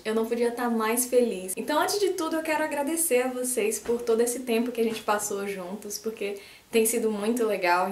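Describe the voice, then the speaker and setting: Young woman with a faint Bahian accent, animated casual vlog delivery, fairly high voice, room echo. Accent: light Brazilian Portuguese, faint Bahian. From Salvador, Bahia, Brazil. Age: 20s. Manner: lively, gestures a lot with both hands. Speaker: science YouTuber. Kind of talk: casual talk to camera. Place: small room indoors, posters on the wall.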